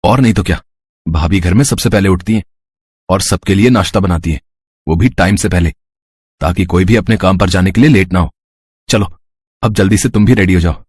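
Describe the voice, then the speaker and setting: A man's voice: deep voice, a little fast, pauses often, darkish tone, husky, dry recording. A young man voicing male figures in a cartoon story, playful and stammering when flustered. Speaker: voice actor for several male figures.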